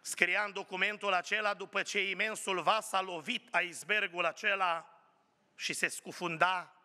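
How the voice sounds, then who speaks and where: A man delivers a fervent sermon in a high, sharply bright voice. His appeals climb higher as he goes, and he slows down to press his points home. Long church reverb trails after every phrase. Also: fairly even intonation. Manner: fervent preaching, rising in pitch on appeals, slows for emphasis. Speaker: pastor. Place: church sanctuary.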